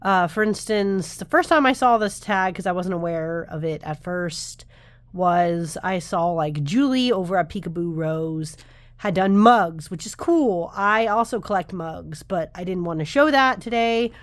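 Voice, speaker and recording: A tarot vlogger in her thirties chats to camera in a rambling, self-interrupting way, slightly nasal as she recovers from the flu. Her voice is fairly low and expressive, a bit slow, with no room sound.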